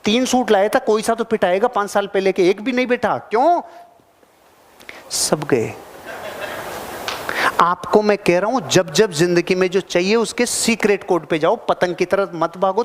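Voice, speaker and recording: A man with a high voice gives a motivational talk to a seated crowd. He is animated and swings from loud bursts to low asides, often putting questions to his listeners. His voice rings with the long reverb of a big hall. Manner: addresses the audience directly with questions. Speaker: motivational speaker. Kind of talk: live motivational seminar talk. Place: large hall with a live audience.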